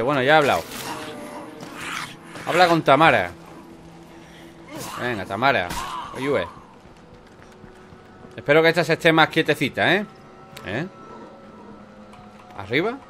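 Swearing Spanish gamer commentating. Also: male voice, medium pitch, fairly bright tone. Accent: Spain. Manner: swears freely, chats back at game characters. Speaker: gameplay commentator. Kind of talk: casual let's play commentary.

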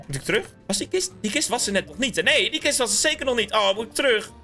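Bright, high-voiced excitable gaming man. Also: fast talker, soft background music. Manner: excitable, chatty, addresses viewers as "guys". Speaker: gaming YouTuber. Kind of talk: Minecraft let's-play commentary.

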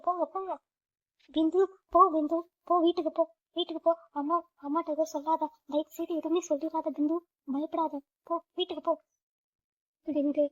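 A caring older sister, as a woman acts her out, talks quickly in a high voice and soothes the little ones like a mother would. The recording sounds dull and lo-fi, like a homemade doll story play. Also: lightly acted. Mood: panicked. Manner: reassuring, motherly. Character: protective older sister figure, Madhu.

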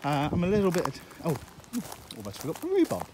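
A man whose voice is on the high side talks briskly through a relaxed, wandering tour of his allotment and polytunnel, frequently saying uh. Background noise is present, and he films outdoors on a handheld phone while walking.

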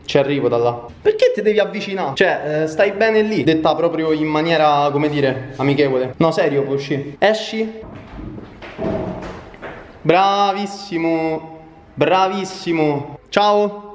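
A man's voice: fairly high pitch, lively intonation, normal speed, a little hiss or hum. A young man with a Roman accent, joking sarcastically as he chats to camera in a casual vlog. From Italy. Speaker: vlogger.

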